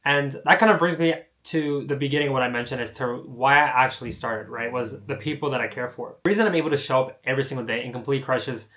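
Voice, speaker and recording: A young American man talks through his own journey in a loose, conversational way. His sentences start over often and he leans on "like" as a filler. His voice sits at an ordinary middle pitch. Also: quick pace, hardly any pauses, a bit bright. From United States. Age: young adult. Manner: rambling, many "like" fillers and restarts. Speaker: online entrepreneur. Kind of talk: casual personal storytelling to camera.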